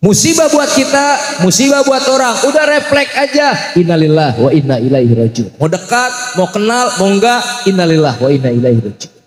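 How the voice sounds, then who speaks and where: Preacher in an echoey mosque. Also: male voice, sits high, sing-song, normal speed, few pauses. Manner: jokey storytelling with chanted prayers. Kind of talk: humorous mosque sermon.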